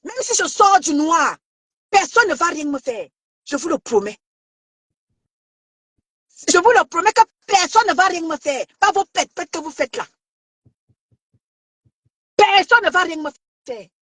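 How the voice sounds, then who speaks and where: A Cameroonian woman with a very high voice goes on a heated, confrontational online rant as a social media commentator, taunting, shouting, and stammering through repetitions. She is very animated yet unhurried, pausing often. The recording is dry and close, with no echo or room around it.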